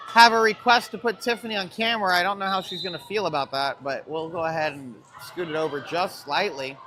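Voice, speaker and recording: A man's voice: sits high, steady tone, brisk, bright, forceful tone. A man doing casual, chatty play-by-play commentary for a school volleyball match, calling players by name and number. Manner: chatty, cheerful, calls plays by player names and numbers. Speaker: play-by-play announcer for a high school volleyball stream. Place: school gym. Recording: noisy gym audio.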